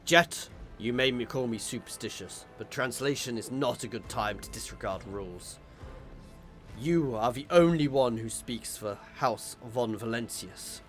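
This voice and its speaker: A man voicing a gruff, loyal old male ship seneschal with an old-fashioned, blustery delivery. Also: medium pitch, measured pace, a bit bright, soft background music, natural voice. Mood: earnest.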